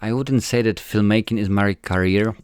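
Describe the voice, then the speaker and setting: A Polish man in his forties with a Polish accent, a filmmaker appearing as a guest, answers interview questions hesitantly, with many fillers and restarts. His voice is fairly low and moderately paced, with a clean tone and no echo.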